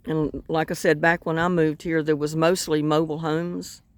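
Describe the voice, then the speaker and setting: In a low, level, clean-toned voice at a moderate pace, an older North Carolina woman with a Southern accent rambles casually while fishing by the water. This vlogger is folksy and self-deprecating, and there's no echo.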